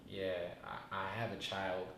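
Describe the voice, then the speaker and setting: In a very echoey room with faint noise, a young man in his 20s, a rapper and interview guest, talks through his story in relaxed, rambling fashion with many restarts. His low voice is monotone but fairly bright, at a measured pace, in casual reflective talk.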